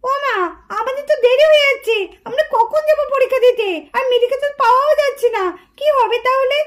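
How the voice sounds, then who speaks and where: Brief: woman as eager cartoon kid, very high, encouraging. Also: fairly even intonation, fast talker.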